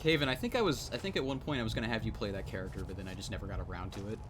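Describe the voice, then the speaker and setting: A man's voice: fairly low pitch, rapid-fire. A young man hosting a game stream, chatting casually in a rambling, joking, self-deprecating way. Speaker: host and mod creator. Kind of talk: casual chat while playing a game. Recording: steady background noise.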